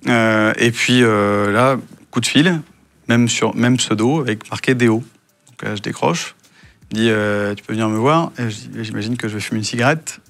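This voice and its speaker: Gravelly low-voiced man telling stories. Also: moderate pace. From France. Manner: relaxed anecdotes with many hesitations, acting out quoted dialogue. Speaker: guest, former intelligence officer. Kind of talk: casual storytelling interview.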